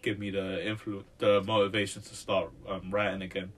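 London roadman, low slightly husky voice. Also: level tone, a little fast. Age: 20s. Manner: street slang, tags sentences with "innit" and "bro". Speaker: musician, interview guest. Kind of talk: casual interview chat.

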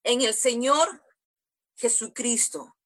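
A woman's voice: fairly high pitch, slow pace, a bit bright. A woman preacher giving a conversational sermon, full of rhetorical questions addressed to her listeners.

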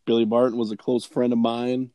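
A man's voice: medium pitch, level tone, fairly quick, mellow, no room sound. Rambling male storyteller, filler-heavy, dry studio sound. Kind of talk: casual chat, storytelling.

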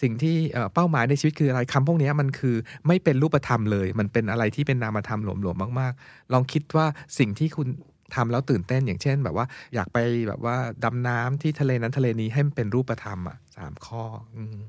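A man's voice: mid-range voice, darkish tone, no echo. A man co-hosting a podcast who talks through a book in a casual way and runs through its points in numbered order. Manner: brisk, walks through points in numbered lists. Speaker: podcast co-host. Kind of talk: casual book-discussion chat.

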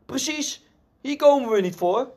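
A man voicing an angry heckler in an auction crowd, shouting with scorn. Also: high-pitched, lively intonation, measured pace, full character voice. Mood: scornful.

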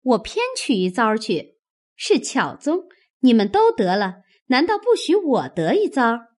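A woman voicing a proud, sharp-tongued young maid with a tart, biting manner. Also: a little high, sing-song, measured pace.

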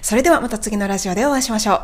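A woman teaching English pronunciation on a podcast, slowly modelling sounds and gently prompting the listener to repeat. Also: medium pitch, a little hiss or hum. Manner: slow, carefully modelled sounds, encouraging prompts.

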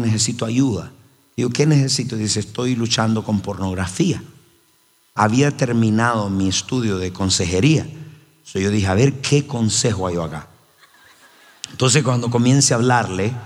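A man preaching a sermon as pastor, emphatic and repeating his phrases. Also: medium pitch. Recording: long hall reverb.

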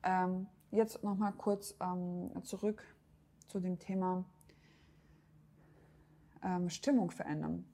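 A woman's voice: lowish voice, fairly even intonation, takes it slowly, pauses often, warm tone. A woman hosting a self-help podcast, speaking directly to the listener in a coaching tone with frequent hesitations. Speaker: podcast host. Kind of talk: motivational self-help talk.

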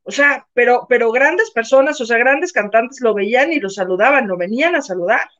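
A Mexican woman co-hosting a casual live show, telling an animated story and acting out the people in it. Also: a little high, normal speed. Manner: animated, acts out voices in her anecdotes. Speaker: co-host. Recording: muffled lo-fi sound.

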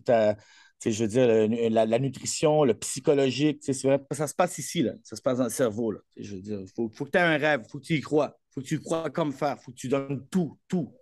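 Boastful Québécois man, mellow voice. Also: medium pitch, no room sound, clean studio sound. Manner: boastful, rambling, heavy on fillers. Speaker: coach being interviewed. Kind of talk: casual interview chat.

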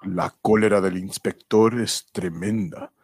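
A man's voice: deep voice, fairly even intonation, measured pace, darkish tone, husky, dry recording, studio quality. A man delivering dramatic scripted narration for a radio serial.

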